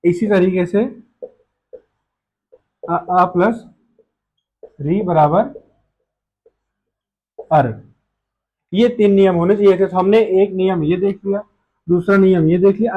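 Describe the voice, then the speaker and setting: A man's voice: sits high, dark tone, poor audio. A man teaching a grammar lesson, explaining step by step and answering his own questions.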